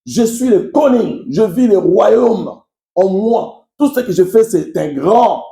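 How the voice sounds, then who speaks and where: His voice sits high and warm, with lively intonation, a touch of vocal fry, and a slow pace, in a roomy-sounding recording. Originally a Tshiluba speaker from Kasai, this man uses a Congolese French accent to give impassioned political remarks directly to his followers, emphatic and repetitive throughout.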